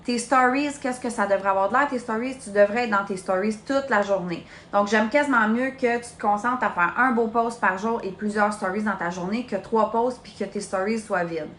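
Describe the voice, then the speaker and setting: Speaking at a normal speed with hardly a pause, this late-twenties woman has a medium-pitched, slightly bright voice and a Québécois French accent. She coaches her sales team in a live social media session, talking in a chatty, direct way and addressing the listener as "tu." The sound is reverberant, with a light hiss or hum.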